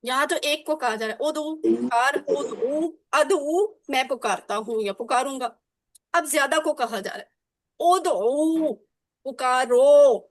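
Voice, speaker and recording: A woman's voice: sits high, no echo, clean studio sound. A woman teacher explaining grammar patiently and drilling phrases again and again with her class. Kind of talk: online class lesson.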